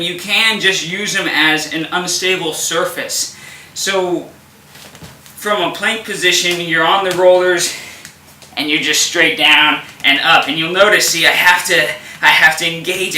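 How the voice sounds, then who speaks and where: Bright-voiced man coaching core exercises. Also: high-pitched, a little hiss or hum. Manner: instructive, upbeat, strained while exercising. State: effortful, straining. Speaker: fitness instructor. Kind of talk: exercise demonstration. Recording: echoey room from a distance.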